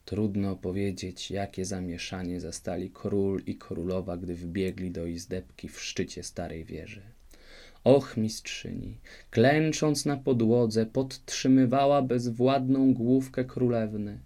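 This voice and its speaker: Gravelly male fairy-tale narrator. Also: lowish voice, measured pace. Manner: expressive, varied reading. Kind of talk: storybook fairy-tale reading.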